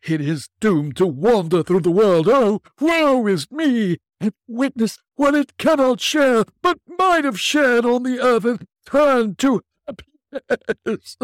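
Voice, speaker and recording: Storybook ghost of an old businessman, high, slow and wailing, heavy with regret. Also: expressive, dry recording, exaggerated voice. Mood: mournful wailing. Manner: slow, mournful, booming declamation. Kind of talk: storybook reading.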